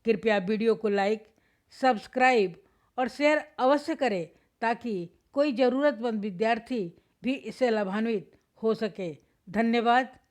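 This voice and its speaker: Slow, deliberate Hindi grammar teacher woman. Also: fairly high pitch, darkish tone. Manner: slow, deliberate, sounding out each example word. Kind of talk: lecture read from notes.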